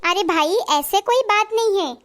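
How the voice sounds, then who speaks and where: A woman's voice: very high-pitched, normal speed, a bit bright. A woman playing a chatty married daughter who is visiting her family home, in a comedy skit. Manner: chatty, coaxing.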